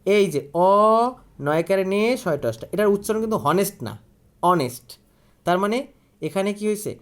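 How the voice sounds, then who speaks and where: Man, high voice, grammar teacher, asks and answers his own questions. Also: brisk, darkish tone. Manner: asks questions and answers them himself, repeating key words. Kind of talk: online grammar lesson.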